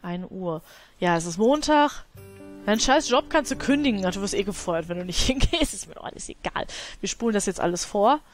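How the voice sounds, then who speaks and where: A woman's voice: medium pitch, expressive, brisk, soft background music. A woman hosting a let's play, commenting casually on her game and scolding her characters with exasperated, laughing outbursts.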